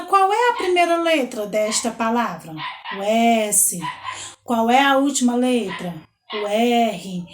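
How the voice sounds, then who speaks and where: A woman with a Brazilian Portuguese accent teaching young children, slowly spelling out letters and counting aloud. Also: a little high, roomy sound, slight background noise. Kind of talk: children's lesson.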